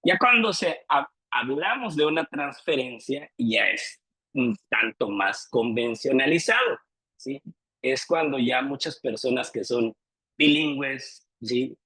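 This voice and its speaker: A man's voice: medium pitch, lively intonation, takes it slowly, bright, forceful tone, husky, no echo, rough recording. A man giving an academic lecture, hesitant, repeating words and often checking in with his listeners.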